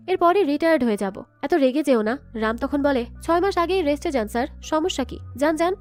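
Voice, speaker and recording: Female narrator for a film recap, brisk delivery, lines read straight over background music. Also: sits high, darkish tone. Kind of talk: scripted movie recap narration.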